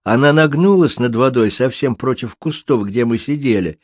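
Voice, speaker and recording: A man reading a storybook aloud in an even, measured way. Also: mid-range voice, no room sound, studio quality. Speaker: audiobook narrator. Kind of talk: scripted storybook narration.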